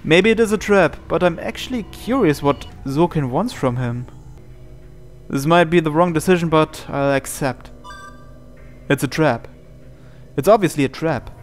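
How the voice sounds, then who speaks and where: A gaming channel host reads visual novel narration aloud with dramatic flair, his fairly high-pitched voice animated yet unhurried and broken by frequent pauses. The game's own background music plays behind him throughout.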